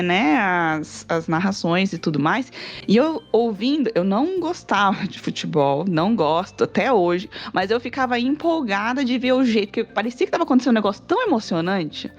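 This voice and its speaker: A woman, a psychologist guest on a podcast, telling stories in an animated way, acting out quoted dialogue and laughing easily. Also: fairly high pitch, moderate pace, dull audio. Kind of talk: casual podcast conversation.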